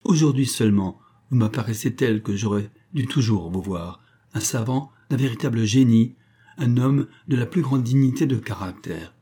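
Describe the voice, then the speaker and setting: A man's voice: mid-range voice, normal speed, mellow, slightly rough. Man reading as a contrite, courtly billionaire. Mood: gracious. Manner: formal, contrite. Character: remorseful older male billionaire, courtly.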